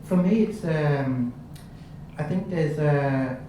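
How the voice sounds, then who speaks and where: A woman's voice: low voice, slow pace. A woman speaking hesitantly and casually as a panelist. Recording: very echoey, noisy room.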